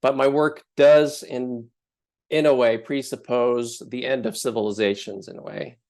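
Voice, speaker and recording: A man from Finland, giving a thoughtful artist talk with frequent pauses and fillers. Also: medium pitch, steady tone, vocal fry, darkish tone. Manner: thoughtful, hesitant with many fillers.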